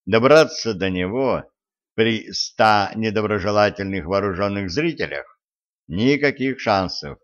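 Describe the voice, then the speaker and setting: A man narrating a fantasy audiobook in a low voice at a slow, measured pace. The recording sounds dull and muffled, as if lo-fi.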